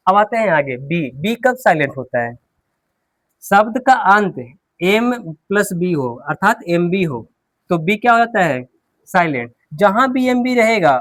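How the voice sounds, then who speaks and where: This man's voice is high-pitched and a bit bright, captured with no echo, as he teaches English pronunciation at a board. He asks questions, answers them on his own, and drills the key words through repetition.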